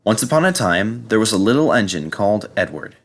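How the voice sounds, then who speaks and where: A man with a fairly low voice and big pitch swings reads briskly, like someone narrating a children's storybook. It's storybook-style narration along with a spoken introduction to a video.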